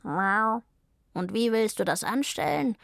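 A woman's voice: fairly high pitch, expressive, slow, vocal fry, a bit bright, no room sound, studio quality, full character voice. Woman doing a grumbling tomcat. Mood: doubtful. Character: sensible, grumbling male tomcat.

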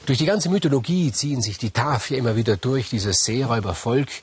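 A man retelling old myths in a loose, spoken way, pausing on fillers and restarting phrases. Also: medium pitch, breathy edge. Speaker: storyteller. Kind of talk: casual oral retelling of myths.

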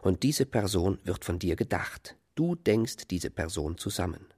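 A man reading scripted documentary narration in a calm, measured, contemplative way. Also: sits low, breathy edge.

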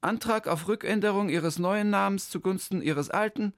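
A man voicing a fussy, brisk female office clerk in a children's story. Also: sits high, dry recording, clean studio sound, voice pushed up. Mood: officious. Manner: brisk bureaucratic chatter.

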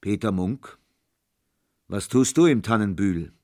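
A man's voice: animated, takes it slowly. A man playing a giant forest spirit. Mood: stern. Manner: loud, booming, coaxing then threatening. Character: giant menacing forest spirit in raftsman's clothes.

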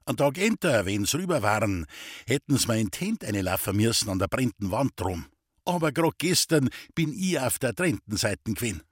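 A man's voice: medium pitch, big pitch swings, normal speed, slightly rough, no room sound, studio quality. A man doing a grumbling old forester. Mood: gruff. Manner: brusque, grumbling. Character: gruff older Bavarian forester, father.

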